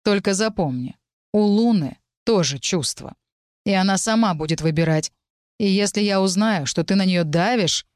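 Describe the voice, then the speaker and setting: A woman's voice: moderate pace, a little mellow, no echo, studio quality, natural voice. A woman voicing a cool, defiant young necromancer. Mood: restrained, cold. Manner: low, restrained, cutting.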